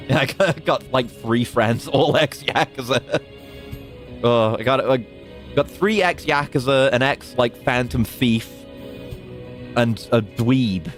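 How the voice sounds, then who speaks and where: A man's voice: mid-range voice, slow, pauses often, soft background music. A young man casually commentating a game stream with joking, sarcastic asides.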